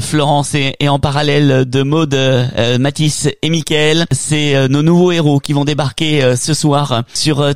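A man hosting a TV interview, presenting guests in lively presenter patter. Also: fairly high pitch, dry recording, clean studio sound. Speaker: TV host.

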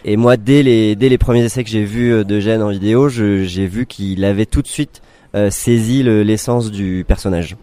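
A man, a film director guest, explaining his work in a relaxed way, with restarts and fillers. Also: lowish voice, normal speed. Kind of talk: casual studio interview.

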